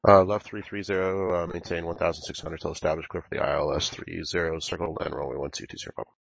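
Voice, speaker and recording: A man's voice: deep voice, steady tone, fast, vocal fry, dry recording. A man making clipped pilot radio calls over a cockpit-style headset in a flight simulation. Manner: clipped aviation phraseology. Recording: dull, band-limited radio audio.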